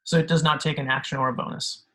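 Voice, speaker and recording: A game master running a tabletop game, relaxed and thinking aloud with fillers. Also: medium pitch, fast.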